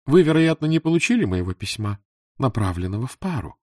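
A man's voice: medium pitch, big pitch swings, brisk, a little mellow, dry recording, clean studio sound, pitched above the performer's own voice. A man reading the part of a young married woman who speaks to an old suitor in a cool, distant, politely dismissive way.

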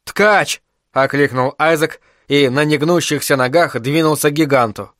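A man reading an audiobook in a steady, even narration. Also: on the high side, normal speed, no echo, studio quality. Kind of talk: scripted narration.

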